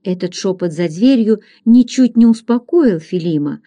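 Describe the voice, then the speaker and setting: Mellow woman narrating an adventure novel. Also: medium pitch. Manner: steady, measured storytelling. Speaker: audiobook narrator. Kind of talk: scripted narration.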